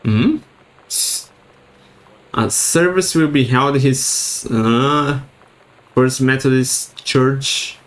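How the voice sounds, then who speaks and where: A male streamer chats casually while playing through a game. He reads notes aloud haltingly and trips over unfamiliar words. His voice sits at an ordinary middle pitch. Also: poor audio. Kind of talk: casual let's-play commentary.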